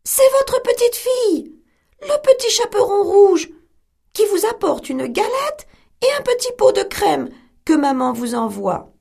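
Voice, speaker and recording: Naive little storybook girl, very high and lilting, voiced by a woman. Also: sing-song, measured pace, gravelly, a little mellow, full character voice. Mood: polite. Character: little girl, innocent and trusting. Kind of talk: storybook reading.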